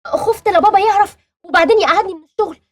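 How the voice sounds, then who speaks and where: An actress playing a frightened young woman who pleads and explains herself in a rushed, tearful way, with an Egyptian accent. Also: very high voice. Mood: anxious confession.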